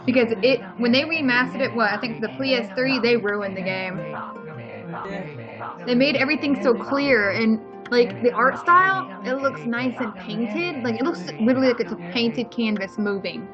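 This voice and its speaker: Speaking at a moderate pace in a slightly high voice, this woman co-hosts a let's play with casual, swear-filled, outspoken gaming commentary. The mic sounds dull and lo-fi, with loud game music underneath.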